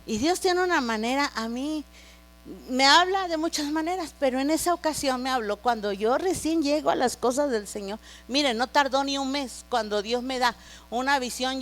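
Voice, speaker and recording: A middle-aged woman pastor preaching a sermon, telling a personal testimony with rising emotion and speaking straight to the congregation. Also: high voice. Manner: emotional, grows louder and more intense. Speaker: pastor and prophet. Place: church.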